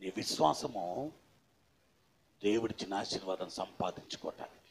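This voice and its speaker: A pastor preaching a sermon, quizzing his congregation with questions and swinging between raised, declaiming passages and low, conversational asides. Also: lively intonation, moderate pace, creaky, slight background noise.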